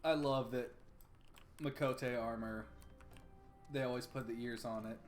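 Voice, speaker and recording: A man's voice: medium pitch, fairly even intonation, measured pace, soft background music. A man running a tabletop game as game master, who jokes, laughs often and swears casually.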